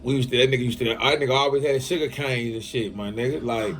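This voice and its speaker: A man in casual chat, telling loose stories full of slang and getting loud when he is excited. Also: medium pitch, quick pace.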